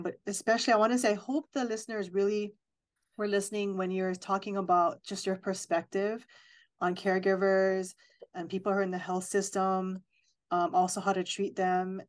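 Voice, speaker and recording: Woman host, earnest and reflective, sums up the guest's points, middle-pitched. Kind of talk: radio-style interview talk.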